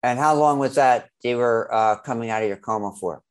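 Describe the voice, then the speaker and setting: A man's voice: mid-range voice, brisk, smooth. A man hosting an interview podcast, asking questions hesitantly with many fillers. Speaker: podcast host. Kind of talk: interview conversation.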